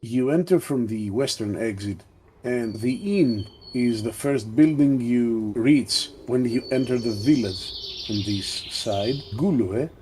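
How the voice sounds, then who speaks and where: Dark-voiced man as game master. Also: mid-range voice, slight background noise, low-quality recording. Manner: descriptive, measured narration with asked rolls. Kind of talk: narrating a tabletop role-playing game.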